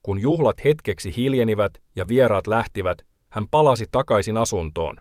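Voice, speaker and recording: Low-voiced man reading documentary narration. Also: animated, darkish tone, no room sound, clean studio sound. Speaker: reporter narrating a feature.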